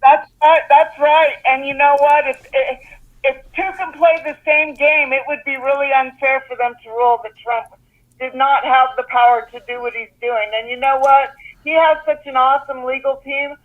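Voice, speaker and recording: A man's voice: very high voice, fairly even intonation, normal speed. A man from Washington State calling in to a show, speaking emphatically and with fervor. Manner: emphatic, fervent. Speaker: caller. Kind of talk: call-in comment. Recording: tinny phone line.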